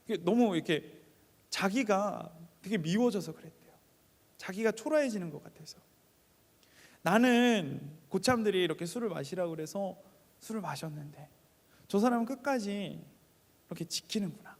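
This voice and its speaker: A man preaching a sermon in a church, telling a personal story, moving between quiet asides and raised appeals to the congregation. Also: high voice, lively intonation, normal speed, pauses often, in a large hall.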